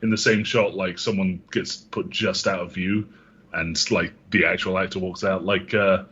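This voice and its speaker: Laid-back husky man. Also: sits low, steady tone, moderate pace, a bit bright, dull audio. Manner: laid-back, swears, chimes in with quips. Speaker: podcast co-host. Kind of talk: casual film recap chat.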